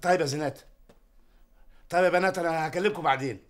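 A man's voice: fairly high pitch, fast, fairly bright tone, lightly acted. An actor playing a busy middle-aged Egyptian company boss and family man in a TV drama. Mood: hurried. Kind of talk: naturalistic TV drama acting. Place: office, indoors.

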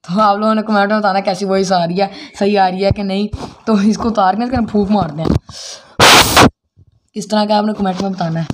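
A man's voice: sits high, fairly even intonation, a little fast, noisy background. Guy rambling to viewers while testing mics, lots of fillers. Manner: chatty, talks straight to viewers, many fillers. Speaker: vlogger. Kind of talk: casual unboxing and mic-test vlog.

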